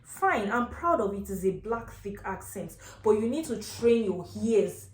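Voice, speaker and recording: A woman's voice: mid-range voice, animated, unhurried, a little hiss or hum. Exasperated Nigerian woman, echoey room. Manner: exasperated, emphatic, repeats phrases for effect. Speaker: vlogger. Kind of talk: casual storytelling rant. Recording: echoey, reverberant room sound.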